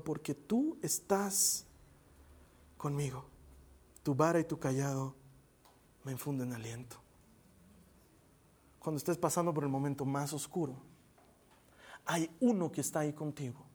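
A man preaching a sermon as pastor, earnest, rising to loud urging and dropping to near whispers. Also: on the high side. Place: church meeting hall, also streamed online.

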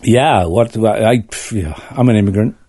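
A man's voice: on the low side, moderate pace, warm tone, dry recording, clean studio sound. A middle-aged man with a Northern English accent, chatting casually as a podcast guest in a wry, self-deprecating way. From north of England. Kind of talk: casual chat.

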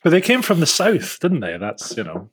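A man casually chatting on a podcast, teasing the others and quick to laugh. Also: a little high, wildly swooping pitch, slightly rough. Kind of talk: casual chat.

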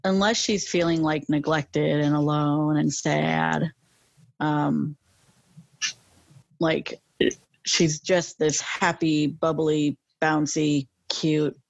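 A woman's voice: deep voice, little pitch movement, slow, creaky, no room sound, muffled recording. A young woman with a lateral lisp, chatting casually in an interview, rambling with many fillers. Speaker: interview guest.

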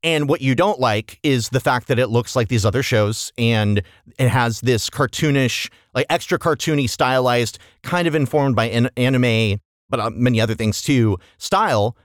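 A man's voice: medium pitch, moderate pace, dry recording, studio quality. A man hosting a podcast, talking casually and emphatically, analysing and swearing as he gives his opinions. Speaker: podcast host. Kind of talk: casual opinionated review chat.

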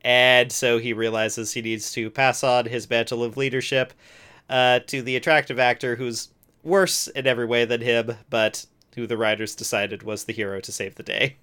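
Dude doing sarcastic plot recaps on a podcast, lots of uhs, mid pitch voice. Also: male voice, level tone, moderate pace, pushed and bright, clear, resonant tone. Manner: wry, sarcastic summaries with many uh fillers. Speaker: podcast co-host. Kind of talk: casual chat recapping a TV episode.

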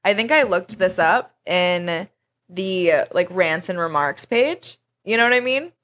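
A woman's voice: on the low side, animated, measured pace, fairly bright tone, muffled recording. A woman in her thirties co-hosting a podcast, tipsy and giggling as she tells loose, profane stories in a casual chat. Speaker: podcast co-host.

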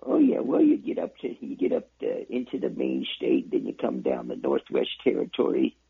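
A man's voice: medium pitch, huge pitch swings, moderate pace, creaky, breathy edge. An older man calling into a radio show, joking and rambling in a folksy way. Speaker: caller. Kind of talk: joking phone call. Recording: tinny phone line.

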